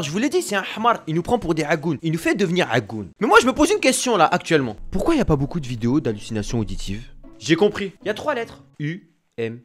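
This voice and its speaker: Lively joking male youtuber. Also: fairly high pitch. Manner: animated, crude joking, addresses viewers. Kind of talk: casual comedic reaction commentary. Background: music clips playing.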